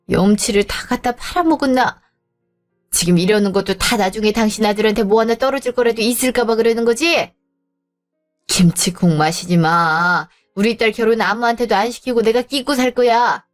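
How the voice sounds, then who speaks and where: A proud, formidable middle-aged restaurant owner, voiced by a woman in a narrated story drama. She speaks coldly and scolds with cutting contempt, her voice a touch high. Faint music runs underneath. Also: natural voice. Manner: cold, scolding.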